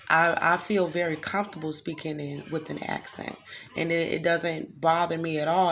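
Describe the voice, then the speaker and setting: A woman's voice: sits low, gravelly, a bit bright. A woman from the United States, speaking in an angry, emphatic, defensive monologue to the camera, her throat sounding strained. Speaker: vlogger.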